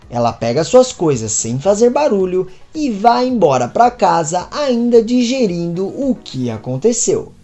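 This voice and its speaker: A woman narrating a soap opera recap in an expressive storytelling manner. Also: medium pitch. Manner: expressive storytelling, asks viewers to subscribe.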